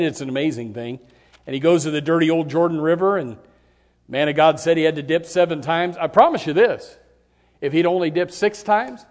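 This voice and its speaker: A man preaching a sermon, praying and then retelling a Bible story, acting out the characters as his voice climbs and gets louder. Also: a little high. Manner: animated, acts out the characters with rising voice.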